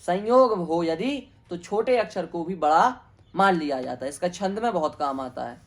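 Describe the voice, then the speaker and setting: A man's voice: high voice, animated, normal speed. A man teaching a Sanskrit grammar lesson, asking questions and answering them himself, repeating each term.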